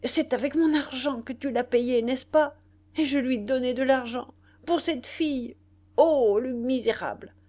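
A woman voicing a furious, betrayed young woman who spits insults in rapid, broken, panting bursts. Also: high voice, mellow, voice pushed up.

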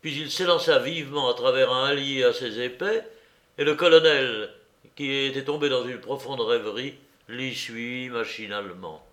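A man reads a classic novel aloud in a measured, expressive narration. His voice sits at an ordinary middle pitch. The recording carries a noticeable roomy echo. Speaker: audiobook narrator. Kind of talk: literary audiobook narration.

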